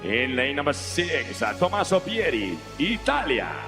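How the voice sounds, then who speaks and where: A man announces competitors like a classic stadium announcer. His voice is fairly high and swoops widely, with slow, drawn-out phrasing. Loud music plays behind him in the arena. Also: wildly swooping pitch. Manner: drawn-out, sing-song announcer delivery. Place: large sports arena.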